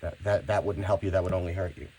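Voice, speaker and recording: Low-voiced male teacher. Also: fairly even intonation, fast, a little mellow, slightly rough. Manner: conversational, repeats words when starting sentences. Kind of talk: classroom instruction video.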